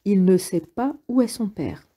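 A woman voicing a loud, quarrelsome old male partisan with a husky voice, in an audiobook reading. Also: fairly low pitch, lively intonation, measured pace. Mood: excited, indignant. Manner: exclaiming, quarrelsome, grandiose.

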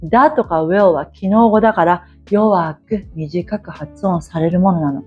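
A woman's voice: fairly low pitch, measured pace, breathy edge, lo-fi sound, faint music behind. A woman teaching as an English coach in a casual lecture, coaxing her listeners and sounding out words as she drills them.

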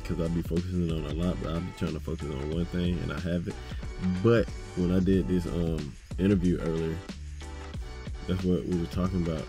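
A young man in his twenties vlogging casually to a phone held at arm's length in his car, talking in a laid-back, slangy, rambling way. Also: deep voice. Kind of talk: casual vlog talk to camera. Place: inside a car.

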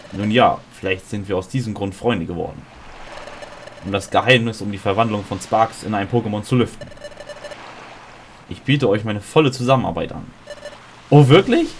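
A man's voice: lowish voice, slight background noise. A man playing a video game and reading all of its dialogue aloud, with small slips and restarts. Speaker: let's player.

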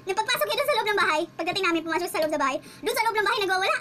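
Chatty high-voiced woman vlogger. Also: expressive, racing, heavy background noise. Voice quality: chatty, laughs while telling. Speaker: household driver and vlogger. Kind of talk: casual storytelling vlog.

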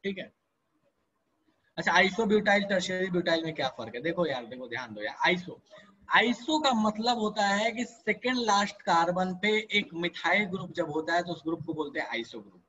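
Bright high-voiced male teacher, coaxing. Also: expressive, moderate pace, slightly rough, lo-fi sound. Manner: coaxing, repeats "ठीक है" and "ध्यान दो", asks and answers own questions; addresses students by name, mixes English terms into Hindi. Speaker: chemistry teacher. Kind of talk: live online class lecture.

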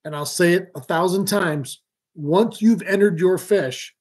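Over a webcam or laptop mic framed like a video call, a fishing show host streams live from a small room at home. He has a high, husky voice and a measured pace, explaining things casually with his hands moving and plenty of ums and restarts.

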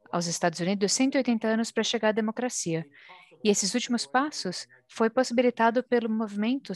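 Female live interpreter, Brazilian accent, mid-range voice, delivering formal remarks in measured phrases. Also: mid-range voice. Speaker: simultaneous interpreter.

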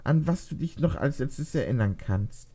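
A man voicing a thoughtful, caring pregnant teenage girl in a read-aloud fan fiction story, with a gentle, hesitant delivery. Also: mid-range voice, lively intonation, normal speed, pitched above the performer's own voice. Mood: gentle, kind.

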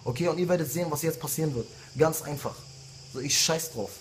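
Man, late 20s, rapper, angry rant, insulting, somewhat high voice. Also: fast, a little hiss or hum. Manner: heated, insulting rant with repeated jabs. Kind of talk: angry diss video message.

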